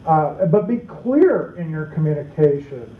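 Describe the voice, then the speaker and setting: A man, a pastor teaching a practical parenting seminar in an animated way, acting out everyday family scenes. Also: a little high, a little slow, slight background noise. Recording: tinny, roomy echoey seminar recording.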